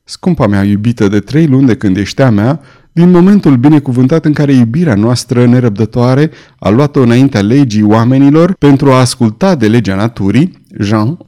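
A man's voice: mid-range voice, dark tone, lightly acted. A man voicing a protective young nobleman who reassures his beloved tenderly.

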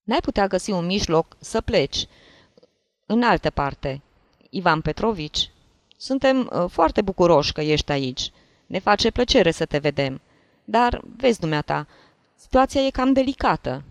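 An anxious, easily wounded gentleman from a classic story, voiced by a reader. He pleads and protests in a wavering voice that leaps upward on key words. The recording is dry and close, with no room sound. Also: mid-range voice, sing-song, no room sound. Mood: awkward pleading. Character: anxious, touchy middle-aged gentleman. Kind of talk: audiobook reading of a classic story.

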